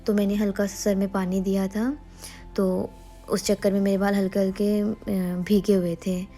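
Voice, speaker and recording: A young woman narrates her daily routine as a casual vlog voice-over, chatty and full of fillers and restarts. Her voice is mellow and fairly even in pitch. Soft music plays faintly behind her. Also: normal speed. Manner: chatty, with frequent fillers and self-corrections. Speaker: vlogger.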